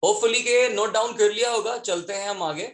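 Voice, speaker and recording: A man's voice: high-pitched, moderate pace. Pakistani male teacher in an echoey room. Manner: mixes Urdu and English, reads questions and options aloud. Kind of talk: exam solution lesson.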